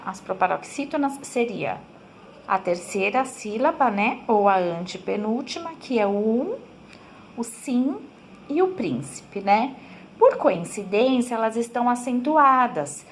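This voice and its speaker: A middle-aged woman teaches a recorded class in an unhurried, deliberate way. She checks often that her pupils follow. A faint hiss of background noise sits under her voice. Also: a little high, lively intonation. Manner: patient, explanatory, frequent "tá?" checks. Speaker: primary school teacher. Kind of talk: recorded remote class lesson. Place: home room, writing on board.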